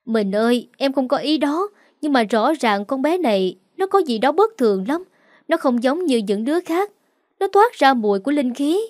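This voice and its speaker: A woman doing a shrill, whining second wife. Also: animated, normal speed, no echo, studio quality. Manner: loud, whining and accusing. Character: shrill scheming second wife of a rich household.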